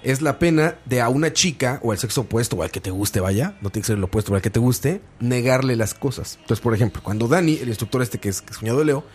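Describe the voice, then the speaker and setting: Young mexican man, rapid slangy chat, husky tone. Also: medium pitch. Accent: Mexican Spanish. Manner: slangy, animated storytelling with acted-out quotes. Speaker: podcast co-host. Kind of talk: casual chat.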